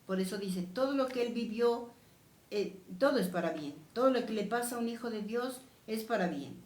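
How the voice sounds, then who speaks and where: A woman's voice: fairly high pitch, animated, normal speed, darkish tone, reverberant. A woman preaching a sermon, repeating her key phrases with emphasis. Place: church.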